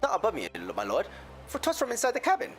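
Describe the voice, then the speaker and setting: A man's voice: very high-pitched, huge pitch swings, fast, faint music behind, pitched above the performer's own voice, exaggerated voice. A man voicing a folksy, genial Irish moneylender in a courtroom game, with an Irish accent and a theatrical lilt. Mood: dramatic storytelling. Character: folksy, smooth-talking Irish moneylender, genial male witness. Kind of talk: voiced reading of game dialogue.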